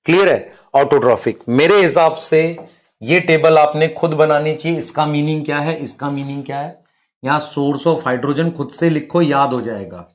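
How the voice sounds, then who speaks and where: At a moderate pace, a man whose voice is on the high side explains biology at the board. He addresses his students as beta and bhai while testing them with rhetorical questions.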